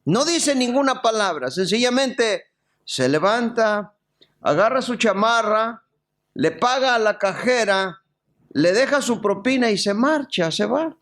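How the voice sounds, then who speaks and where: A man's voice: high-pitched, measured pace. A male pastor from Mexico, preaching a sermon, telling humorous stories and then reading scripture aloud. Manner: storytelling with lively jokes and scripture reading.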